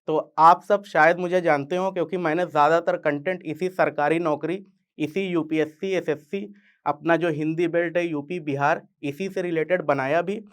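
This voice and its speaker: A man's voice: on the high side, fairly even intonation, moderate pace. A young man from eastern Uttar Pradesh with a Purvanchal Hindi accent, close to Bihari, telling his own story in a casual, chatty way. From Purvanchal, Uttar Pradesh, India. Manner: casual, chatty, addresses listeners as yaar. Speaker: content creator and guest speaker. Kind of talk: storytelling talk.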